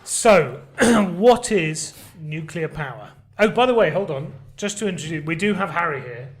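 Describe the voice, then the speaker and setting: Picture an upbeat man with a Scouse accent and a fairly high voice, hosting a casual podcast chat. He jokes easily with his co-host and nudges listeners to subscribe. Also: lively intonation, moderate pace. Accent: Liverpool Scouse. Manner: upbeat, jokey, plugs the show.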